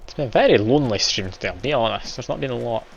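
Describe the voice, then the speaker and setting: This man, streaming a game live, talks in rapid-fire bursts with an animated, creaky mid-range voice. He chats casually, mocks himself, and laughs often while playing. The audio is dull lo-fi stream sound with game music underneath.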